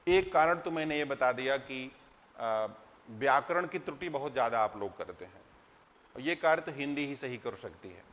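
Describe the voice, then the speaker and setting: A man's voice: mid-range voice, lively intonation, moderate pace, a bit bright. A middle-aged man teaching exam candidates, explaining with rhetorical questions and recited verse. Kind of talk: lecture to exam students. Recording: long hall reverb.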